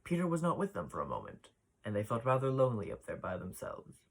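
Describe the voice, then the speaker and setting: A man reading a classic children's story aloud, voicing the children's lines with brighter lifts. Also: mid-range voice, fast, vocal fry, slightly rough, poor audio. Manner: expressive reading, voices the children's dialogue with lifts. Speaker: ballet dancer reading a children's book aloud.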